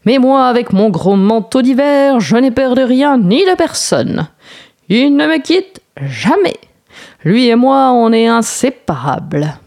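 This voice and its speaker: A stubborn old farmer grumbles about the weather in a raised, complaining storybook voice, as a woman puts him on. His tone is mellow and warm. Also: on the high side, very animated, measured pace, voice pushed up. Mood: grumbling.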